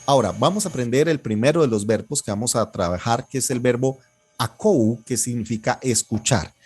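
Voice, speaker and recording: A man leads an online Koine Greek lesson, his voice sitting at an ordinary pitch. He talks patiently and methodically, repeating words so students can follow and echo them. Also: a little fast, a little mellow, husky, faint music behind. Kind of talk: online class, drilling pronunciation and explaining grammar.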